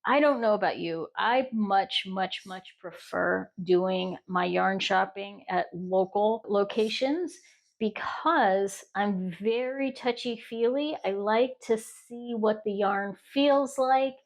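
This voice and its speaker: A woman's voice: mid-range voice, slow pace. Chatty, rambling middle-aged woman vlogger. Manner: chatty, rambling with restarts and fillers. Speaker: crochet vlogger. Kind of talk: casual chat.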